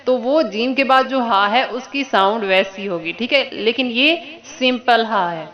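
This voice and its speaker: A woman teaching Quran letters to children online, drawing letters out slowly for students to repeat and checking in with them often. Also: on the high side, fairly bright tone. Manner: patient, drawn-out letter recitation for repeating. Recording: dull lo-fi recording.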